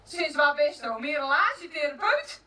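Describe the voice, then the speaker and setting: A woman's voice: high-pitched, big pitch swings, moderate pace, sharp tone, heavily acted. An actress on an outdoor stage playing an emotional woman who has run away from her husband, talking in a theatrical, laughing, exclaiming manner. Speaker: stage actor. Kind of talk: open-air theatre acting. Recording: distant outdoor stage recording, faint noise.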